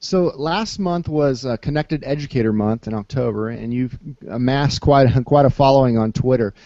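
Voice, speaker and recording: A man's voice: medium pitch, moderate pace, dark tone, no echo. A man co-hosting an interview, asking a long, rambling, hesitant question. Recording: dry, dull lo-fi recording.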